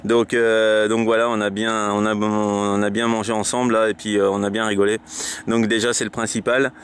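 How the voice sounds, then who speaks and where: A man from France, an amateur radio operator recording his own video, makes casual radio contact chat from open high ground outdoors. His fairly low voice is level and moderately paced, with a bit of hiss or hum, and he hesitates and repeats himself through verbal tics.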